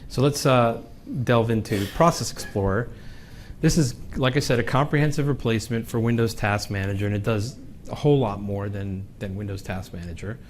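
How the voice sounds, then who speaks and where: Guy presenting at a tech conference, lowish voice, bit of hiss behind. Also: brisk. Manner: relaxed, joking, some fillers. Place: conference room.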